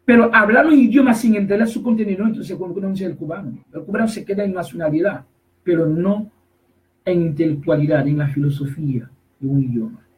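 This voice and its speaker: Preacher guy, high voice, keeps repeating himself, gets loud on the big words. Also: recorded from a distance, rough recording. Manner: emphatic, repetitive, rises to shouts on key phrases; slow deliberate reading of scripture verses. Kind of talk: sermon.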